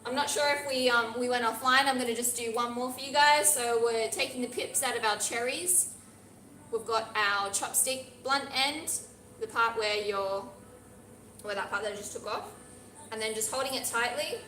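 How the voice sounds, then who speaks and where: An Australian pastry instructor with a bright, fairly high voice leads a live cooking demonstration at normal speed, chatting encouragingly as she works with her hands. The teaching kitchen at her pastry academy sounds echoey, with a faint hum in the background.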